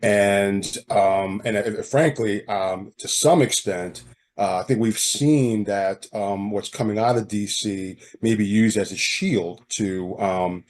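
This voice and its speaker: A man on a video call, hoarse and gravelly from a cold, speaking hesitantly with many fillers. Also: lowish voice, takes it slowly. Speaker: steering group member. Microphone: video call, off camera.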